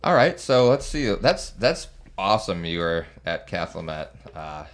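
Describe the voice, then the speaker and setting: A man's voice: low-pitched, very animated, measured pace. A man with a Midwestern American accent hosting a podcast, asking questions and joking around. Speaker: podcast host. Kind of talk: casual chat.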